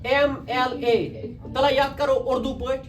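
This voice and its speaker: Slow-speaking male teacher. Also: very high-pitched, animated, crowd noise. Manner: repeats points and quizzes students. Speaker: English teacher. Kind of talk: classroom lecture. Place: classroom with students.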